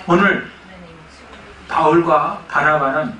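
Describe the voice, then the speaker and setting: A man preaches with a somewhat high voice. His lively, laughing stories carry through a roomy church hall, picked up from some distance. A steady noise sits under his voice. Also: drawn-out words. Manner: animated storytelling with laughter. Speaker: pastor. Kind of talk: sermon. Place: church sanctuary. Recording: echoey church hall from far off.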